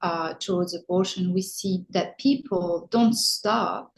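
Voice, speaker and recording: A middle-aged woman from Morocco, a film director answering interview questions with many pauses and restarts. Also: lowish voice, vocal fry, poor audio. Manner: hesitant, many ums and restarts.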